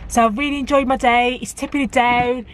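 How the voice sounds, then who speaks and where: A woman's voice: fairly high pitch, fairly even intonation, fairly quick. A woman in a casual vlog, chatting to camera and giving practical tips with plenty of fillers. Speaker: vlogger. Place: car park outside a shop, rainy.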